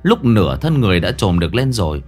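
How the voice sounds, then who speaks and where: A man's voice: on the low side, big pitch swings, quick pace, darkish tone, faint music behind. A man narrating a ghost story dramatically, lingering on eerie details.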